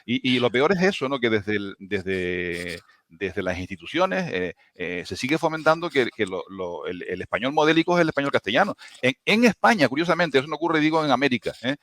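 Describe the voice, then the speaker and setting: A man's voice: medium pitch, lively intonation, brisk, fairly bright tone, no echo. A man from the Canary Islands, a linguistics professor speaking with a Canarian Spanish accent, arguing emphatically on a video-call panel, with frequent restarts and tag questions. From Canary Islands, Tenerife.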